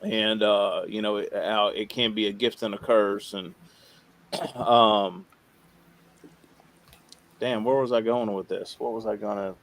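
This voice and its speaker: A man talking casually as a podcast guest, halting and rambling as he repeats himself, with informal swearing. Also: on the low side, steady tone, a bit bright, a little hiss or hum. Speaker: podcast guest, radio show co-host. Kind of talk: casual interview talk.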